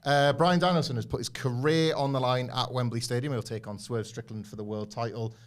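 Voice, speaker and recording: Male host, very quick talker, mid-range voice, casual live-stream chat. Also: medium pitch, steady tone. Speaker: host of a wrestling show.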